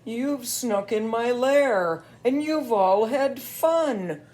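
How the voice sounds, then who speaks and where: An older woman voicing a grumpy male bear who complains loudly about missing out, for a storybook read-aloud. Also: on the high side, expressive, pitched above the performer's own voice. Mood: complaining. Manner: loud, complaining, drawn-out. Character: grumpy sleep-deprived male bear, whiny.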